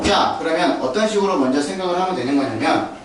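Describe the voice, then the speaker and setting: A man's voice: on the high side, animated, fast talker. A man teaching a math lesson, questioning and coaxing his students. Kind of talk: classroom lesson. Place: classroom. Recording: far-off echoey noisy classroom.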